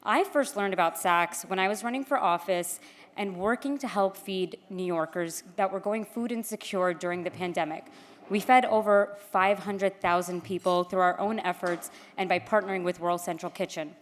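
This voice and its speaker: A woman's voice: lowish voice, moderate pace. A woman from Queens speaks at a gala podium. She is candid and self-deprecating, with an informal way of addressing the room. Her voice rings through a large, echoey hall. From Queens, New York. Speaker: gala speaker introducing an honoree. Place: large indoor event hall, public address. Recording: echoey hall with long reverb.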